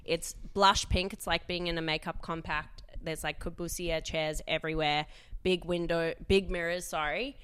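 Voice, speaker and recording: A woman's voice: lowish voice, fairly even intonation, normal speed, fairly bright tone, clear, resonant tone. A woman co-hosting a casual radio chat, rambling and searching for words as she tells stories. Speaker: co-host.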